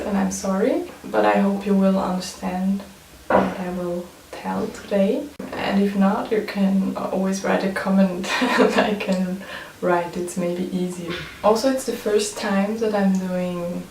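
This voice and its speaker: With a mid-range, slightly mellow voice, this woman talks like she's making a personal vlog: casual, hesitant, in non-native English carrying a Swiss accent. She's a photographer from Switzerland who grew up with German and French. The audio is distant and roomy, with a little background noise.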